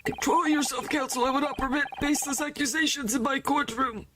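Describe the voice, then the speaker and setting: A woman's voice: high-pitched, steady tone, a little fast, noisy background, pitched above the performer's own voice, natural voice. A woman doing a stern old male judge. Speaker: game streamer. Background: game music.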